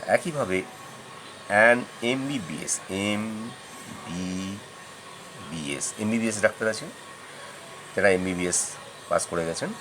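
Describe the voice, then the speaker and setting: A man's voice: fairly low pitch, noisy background. A man teaching English grammar in a patient, explanatory way, repeating examples and checking that the listener follows. His first language is Bengali.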